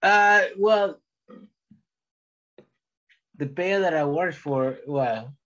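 Man, slow, halting, easygoing, muffled lo-fi audio. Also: on the high side, lively intonation, fairly bright tone. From Sweden. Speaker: touring sound tech guest. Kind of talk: casual chat. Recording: dull lo-fi sound.

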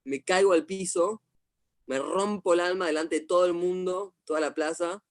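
A middle-aged man with an Argentine accent, a psychologist teaching a class over a video call, telling stories in a lively way and asking questions. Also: high-pitched, normal speed. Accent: Argentine Spanish. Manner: animated storyteller, asks the class questions. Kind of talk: online lecture to a class.

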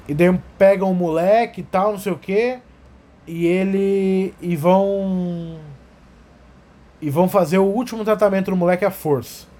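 High-voiced animated man. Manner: animated, profane, acts out scenes. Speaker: podcast talker. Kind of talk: casual comedic storytelling.

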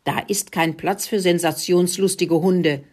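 A gruff yet caring male pig from a children's storybook, voiced by a woman. He grunts out firm words in a breathy voice. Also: on the low side, steady tone, measured pace, darkish tone.

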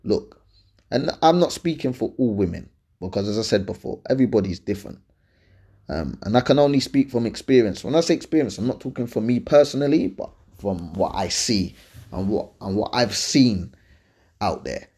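A man with a London roadman accent and a slightly low voice gives casual advice as a podcast host. His delivery is colloquial and emphatic, circling back over his points and checking that he is understood. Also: lively intonation, moderate pace, dark tone, breathy edge. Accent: London, urban roadman slang. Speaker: podcast host answering listener questions.

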